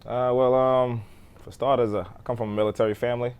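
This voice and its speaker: A podcast guest in his thirties, born in Texas and raised in Boston, casually recounts growing up in an interview, using many fillers and letting his voice trail off. He talks fast and flatly at medium pitch, with a darkish, clear, resonant tone.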